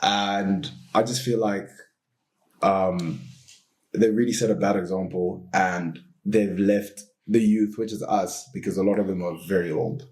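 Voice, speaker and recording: A man in his early twenties, a student on a panel, speaking carefully with pauses. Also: deep voice, fairly even intonation, darkish tone. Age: 20s. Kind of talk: casual panel discussion.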